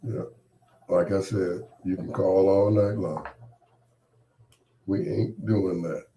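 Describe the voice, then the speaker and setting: On air with a cold and a half-lost voice, the host gives a monologue that comes across as annoyed and dismissive. He talks slowly in a low-sitting voice with a steady tone, frequently letting his words fade into quiet.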